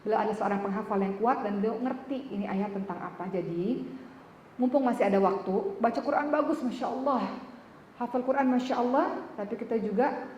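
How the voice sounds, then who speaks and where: A woman's voice: on the high side, brisk, darkish tone, highs cut off, slight background noise. A woman preacher giving a conversational religious lecture to a women's audience, often asking them questions directly. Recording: echoey hall with reverb, faint ambience.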